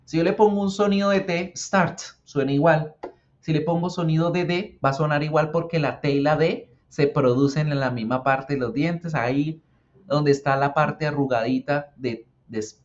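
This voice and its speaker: A man teaching English pronunciation as a patient teacher who repeats words slowly for the learner. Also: a little high, fairly even intonation. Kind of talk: explaining English grammar and pronunciation. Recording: dull lo-fi sound.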